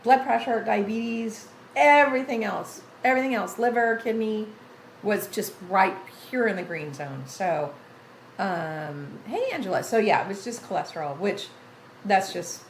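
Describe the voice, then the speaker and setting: Gravelly-voiced woman in her sixties chatting. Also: mid-range voice, animated, a little slow, echoey room, slight background noise, poor audio. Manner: rambling, reads chat names aloud, many restarts. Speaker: gaming livestream host. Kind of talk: casual chat with live chat readers.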